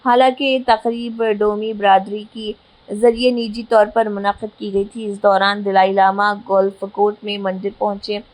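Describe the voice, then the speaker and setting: A female news presenter reads a formal scripted bulletin in a middle register, flat and at normal speed, stumbling slightly here and there. The recording is rough.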